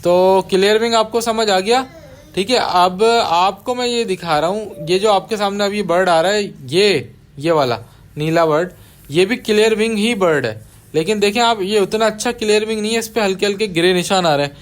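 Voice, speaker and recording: High-voiced man explaining bird breeding. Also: moderate pace. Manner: patient, repeats key terms, casual asides to viewers. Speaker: budgie breeder teaching viewers. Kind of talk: explanatory voice-over over bird footage.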